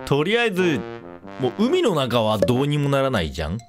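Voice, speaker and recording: A man giving casual, excitable commentary over his own gameplay, breaking into panicky repeated exclamations. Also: mid-range voice, fairly quick, faint music behind. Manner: playful self-introduction with a mock-dramatic recap. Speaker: game commentator.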